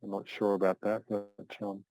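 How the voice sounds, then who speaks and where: An older man teaching an online class, speaking thoughtfully with frequent pauses and restarts. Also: lowish voice, big pitch swings, gravelly, mellow, smooth, poor audio. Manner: thoughtful, halting, many restarts. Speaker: astrology teacher.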